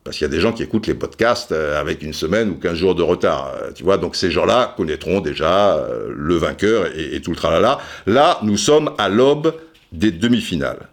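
A man's voice: low-pitched, lively intonation, normal speed. A man hosting a podcast, telling a self-mocking story and acting out voices and sounds. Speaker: podcast host. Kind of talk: casual storytelling monologue.

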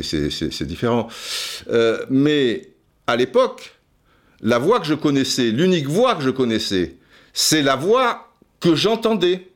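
A man hosting a podcast, telling a rambling, digressive story with many restarts and asides. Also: mid-range voice. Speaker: podcast host. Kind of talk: casual storytelling monologue.

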